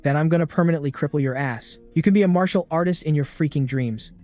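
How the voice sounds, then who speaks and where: A man's voice: on the high side, quick pace, darkish tone, soft background music, natural voice. A man voicing an arrogant, cruel male gang thug who sneers and threatens. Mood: sneering.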